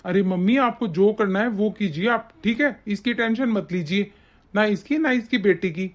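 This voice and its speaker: A woman voicing a harsh, bullying young husband in an animated story, scolding and threatening. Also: medium pitch, moderate pace, close to an everyday voice. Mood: soothing.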